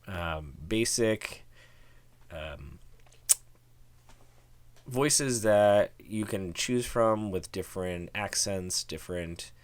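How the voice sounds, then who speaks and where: A man hosting a software tutorial, talking casually through his screen recording with lots of ums and restarts. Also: sits low, very slow, long pauses, no room sound. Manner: relaxed, rambling, many ums and restarts. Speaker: tutorial host.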